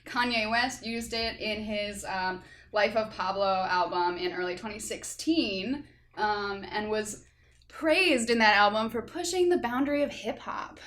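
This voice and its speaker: A woman's voice: medium pitch, unhurried, fairly bright tone. A woman co-hosting a podcast in casual chat, chatty with lots of ums and frequent giggles. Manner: giggly, laughs often while talking. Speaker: podcast co-host.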